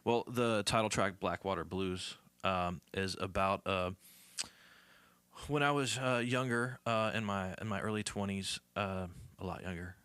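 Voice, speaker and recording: A man's voice: low voice, measured pace, a bit bright, clear, resonant tone, no room sound. A male musician from the southern United States, telling rambling stories with lots of fillers. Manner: rambling, many fillers, acts out voices. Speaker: musician guest. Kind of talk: casual storytelling.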